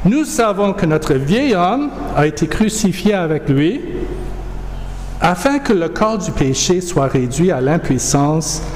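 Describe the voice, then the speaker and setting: A man preaching a sermon and reading scripture aloud, with a measured, emphatic delivery. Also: sits high, sing-song, darkish tone, a little hiss or hum. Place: church hall. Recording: echoey hall, faint ambience.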